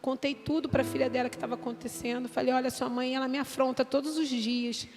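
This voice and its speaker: A Brazilian pastor's wife shares her church testimony with emotion and intensity, acting out quotes as she tells it. Her voice is high, level in tone and brisk, with a Brazilian Portuguese accent. Music plays behind her in a reverberant church hall.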